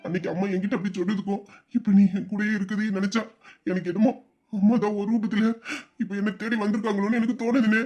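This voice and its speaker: A man voicing a tender, high-voiced elder brother. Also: little pitch movement, quick pace, warm tone, muffled recording, soft background music. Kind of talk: emotional audio-drama acting.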